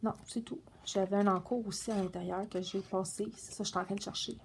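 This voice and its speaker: A woman's voice: medium pitch, steady tone, a little fast, a little hiss or hum. Chatty woman with loose, meandering speech. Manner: chatty, meandering, many fillers and restarts. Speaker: coloring book vlogger. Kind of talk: casual show-and-tell vlog.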